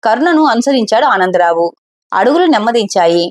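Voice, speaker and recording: Woman narrating a story, slightly high voice. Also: a little fast. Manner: steady, even storytelling.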